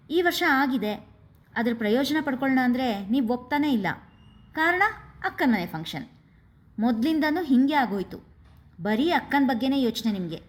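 A woman's voice: mid-range voice, lightly acted. A woman doing a defiant young daughter. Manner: hard, bitter delivery.

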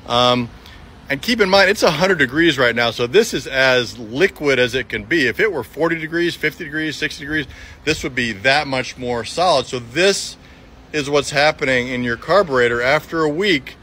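A man's voice: medium pitch, lively intonation, normal speed, sharp tone, husky. A man in his forties hosts a casual selfie video outdoors, chatting through a hands-on demonstration and often restarting his sentences. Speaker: sawmill company video host. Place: outdoors beside a metal building in hot sun. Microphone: phone camera at arm's length.

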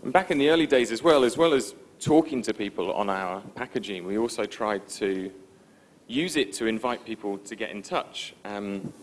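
A man giving a conference presentation in a relaxed, informal, self-deprecating way, with frequent ums. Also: on the low side, moderate pace. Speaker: conference speaker. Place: conference stage before an audience.

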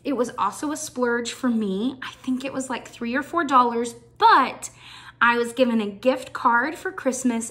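A woman's voice: high voice, a bit bright. A woman chatting through a show-and-tell vlog as she packs a gift box, enthusiastic and full of ums. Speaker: shoebox packing vlogger.

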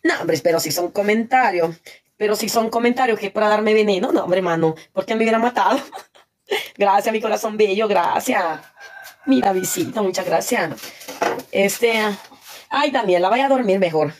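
A woman's voice: mid-range voice, moderate pace. A Salvadoran woman chatting casually on a phone live stream, reading viewer comments, laughing often and thanking viewers.

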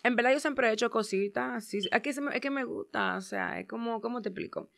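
Bashful hoarse young woman, gravelly and bright. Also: on the high side, fast, a little hiss or hum. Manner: bashful, hedging, with many fillers. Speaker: music artist guest. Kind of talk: casual interview chat.

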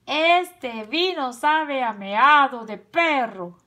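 A woman voicing a greedy, threatening male wolf in a children's story, drawing out his words slowly and loudly. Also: mid-range voice. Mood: disgusted, angry. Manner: slow, drawn-out and loud.

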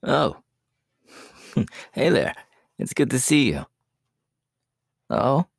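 [name], a man playing an easygoing, slow-talking young student. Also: medium pitch, very animated, vocal fry, slightly rough, no echo, studio quality, heavily acted. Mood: friendly. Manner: hesitant, chuckling, informal, speaking straight to the listener. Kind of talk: ASMR audio roleplay, one-sided casual chat.

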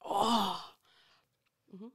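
A woman's voice: medium pitch, steady tone, drawn-out words, fairly bright tone, breathy edge. A woman co-hosting a podcast, trading jokes in casual chat and often breaking into giggles. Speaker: podcast co-host. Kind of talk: casual joke-telling chat. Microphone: studio microphone.

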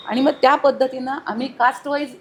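A woman's voice: high-pitched, steady tone, a little fast, slight background noise. A middle-aged woman, a former mayor, giving earnest, emphatic interview answers full of long lists of detail.

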